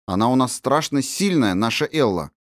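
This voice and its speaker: Man doing an earnest little orphan girl, honest, serious, higher voice, audiobook. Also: lively intonation, moderate pace, dry recording, studio quality, close to an everyday voice. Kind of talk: audiobook character voice.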